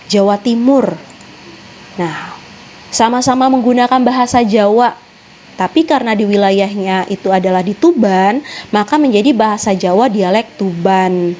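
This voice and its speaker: A woman's voice: mid-range voice, a little mellow, a little hiss or hum. A young woman teacher giving an online lesson, explaining step by step with many examples.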